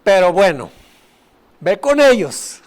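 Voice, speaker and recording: A pastor voicing God, who speaks firmly and with emphasis. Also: male voice, sits high, big pitch swings, full character voice. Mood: stern. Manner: slow, emphatic and firm. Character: stern, commanding voice of God.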